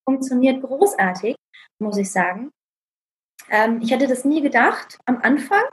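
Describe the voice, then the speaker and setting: A woman's voice: high-pitched, expressive, a little slow, low-quality recording. A woman talking in an interview about her healing practice, explaining eagerly, with many fillers and tag questions. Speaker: energy healing practitioner, guest. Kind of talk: conversational interview.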